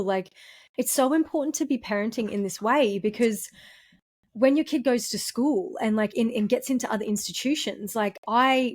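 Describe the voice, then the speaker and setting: A woman's voice: a little high, no room sound. A young adult woman, co-hosting a casual chat, affirming and acting out quoted voices in her stories. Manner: chatty, affirming, acts out quoted voices while telling stories. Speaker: podcast co-host.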